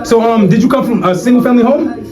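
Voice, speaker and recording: A man's voice: extremely high pitch, fast talker. A man hosting a casual interview in a living room, laid-back and slangy, laughing often. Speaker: host. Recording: roomy living room with music behind.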